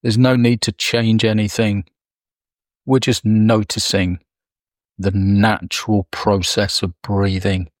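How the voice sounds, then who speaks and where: A man leading a guided meditation, speaking softly and soothingly with long pauses. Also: fairly low pitch, flat delivery, dry recording, clean studio sound. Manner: slow, soft, soothing delivery with long pauses.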